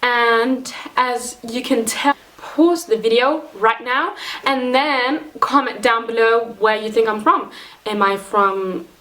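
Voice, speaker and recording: A young woman from Somaliland talking casually to camera, chatty and excitable with lots of fillers. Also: fairly high pitch, slow, rough recording. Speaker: vlogger. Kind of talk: casual vlog chat.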